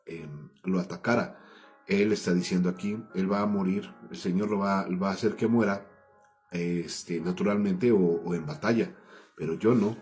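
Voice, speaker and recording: A low-pitched man with a Mexican Spanish accent gives a Bible-study sermon. He reads verses aloud and then unpacks them in his own words, often restarting his phrases. His voice sounds mellow, with soft music playing faintly behind him. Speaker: preacher.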